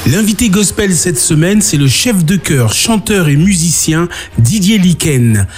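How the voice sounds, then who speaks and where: A man hosting a radio interview, asking friendly questions with some halting restarts. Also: high-pitched, animated, over music. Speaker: radio host.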